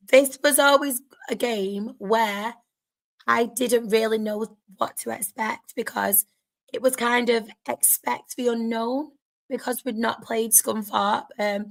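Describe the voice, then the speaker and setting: A woman's voice: on the high side, vocal fry, fairly bright tone. A woman with a sore, strained throat, chatting casually to viewers as host of a football fan livestream.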